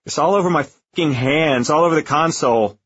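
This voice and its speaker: An actor playing a terrified young lieutenant trapped on a stricken spaceship in an audio drama, halting, shaky and despairing. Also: male voice, medium pitch, fairly even intonation, breathy edge, dull audio. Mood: shocked, distraught.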